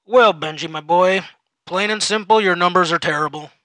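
A loud, overexcited supervisor with a patronizing, chummy push to every line, as a man puts him on. His voice is bright and sits a little high, recorded close and dry. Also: moderate pace, dry recording. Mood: overbearing. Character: overly chummy male office supervisor, pushy.

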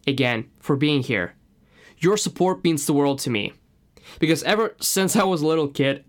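A man's voice: fairly high pitch, a bit bright. A man from Russia with a Russian accent and native Russian, speaking as a podcast host in an earnest, personal scripted monologue.

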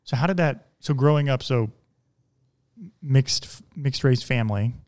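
A man hosting a podcast: he reads a scripted intro, then interviews his guest in a measured, friendly way. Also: medium pitch, darkish tone, clear, resonant tone, no room sound. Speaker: podcast host.

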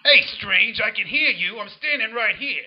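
An actor playing a small, lecherous demon shopkeeper with a gravelly voice and sarcastic wise-guy talk in a comic fantasy audio drama. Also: sits high, expressive, moderate pace, muffled recording. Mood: indignant, mocking. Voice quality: raspy, gravelly.

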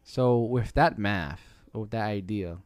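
A man's voice: fairly low pitch, a little slow, a little mellow, no echo. Slangy male podcast host, dry close sound. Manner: slangy, colloquial, bro-like banter. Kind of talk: casual chat.

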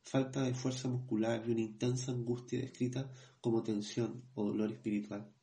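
A man co-hosting a podcast, reading passages from a book in a measured way, then hesitating as he comments in his own words. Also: mid-range voice, flat delivery, mellow. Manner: measured reading, hesitant when speaking freely. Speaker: podcast co-host.

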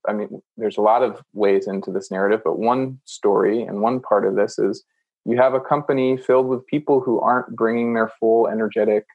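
Fairly low and steady, a little fast, this podcast host's voice comes through narrow, tinny audio. In conversational interview mode, he paraphrases his guest reflectively to confirm his understanding, punctuated by frequent "mm"s.

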